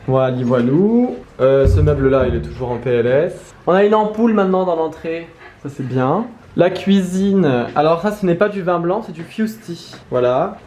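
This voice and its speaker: A man's voice: medium pitch, darkish tone. A man in his twenties with a French accent, chatting casually through a home vlog, rambling with lots of fillers. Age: 20s. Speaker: vlogger.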